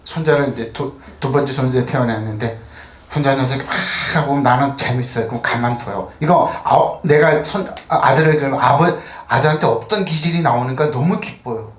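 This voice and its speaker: A man's voice: mid-range voice, brisk, reverberant. An older man preaching a conversational sermon as pastor, often throwing rhetorical questions at the congregation. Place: church.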